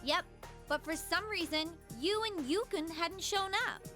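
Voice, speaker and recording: Very high, bright teenage girl. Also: unhurried, soft background music, exaggerated voice. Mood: matter-of-fact.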